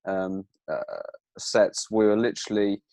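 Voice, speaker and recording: A young man with a British accent chats loosely on a podcast, his voice sitting low in pitch. He tells stories, drops into quoted voices and swears without fuss. The sound is dry and close. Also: flat delivery, unhurried, a little mellow, no room sound. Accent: British English. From Britain. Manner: storytelling, swears casually, acts out quotes. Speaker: podcast co-host. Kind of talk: casual chat.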